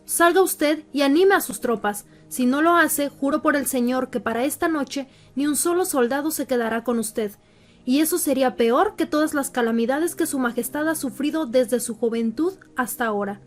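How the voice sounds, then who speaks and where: A woman reading the lines of a blunt, stern army general, scolding and forceful. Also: sits high, close to an everyday voice.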